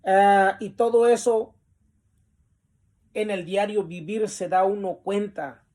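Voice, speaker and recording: A man teaching a Bible class at a very slow, unhurried pace. He reads definitions aloud from the lesson, then explains them in his own words. He pauses often and fills the gaps with "este". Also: high-pitched, fairly even intonation, a little mellow. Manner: deliberate, with pauses and the filler "este".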